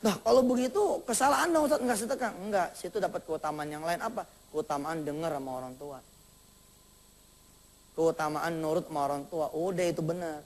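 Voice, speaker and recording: A man with a Jakarta accent preaching a sermon to a live audience, animated and joking, acting out small dialogues. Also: a little high, a little fast. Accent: Jakarta Indonesian. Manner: animated, acts out little dialogues, jokes with the congregation.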